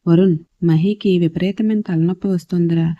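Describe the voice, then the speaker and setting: A man's voice: sits high, steady tone, brisk, dry recording, dull audio, lightly acted. A woman voicing an alarmed middle-aged uncle. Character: worried middle-aged uncle, household head.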